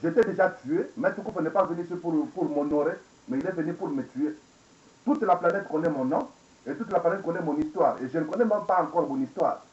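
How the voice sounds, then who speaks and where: A man's voice: on the high side, fairly quick, darkish tone. A man in his forties delivering an angry, rambling monologue full of repeated phrases and rhetorical questions, recorded on a webcam indoors. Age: 40s. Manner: angry, repetitive, rhetorical questions, code-switching into English. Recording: echoey dull lo-fi webcam recording.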